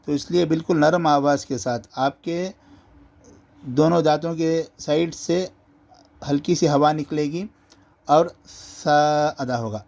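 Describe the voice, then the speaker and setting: A man teaching Quran reading, explaining letter pronunciation and drawing out each letter slowly to demonstrate. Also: on the high side, creaky, darkish tone. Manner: slow, drawn-out letter demonstrations between explanations.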